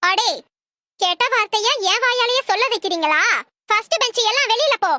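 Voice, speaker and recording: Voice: very high-pitched, lively intonation, brisk, pushed and bright, slight background noise, exaggerated voice. A performer voicing an exasperated female schoolteacher who scolds her cheeky pupils in a comedy cartoon. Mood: scolding. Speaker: teacher.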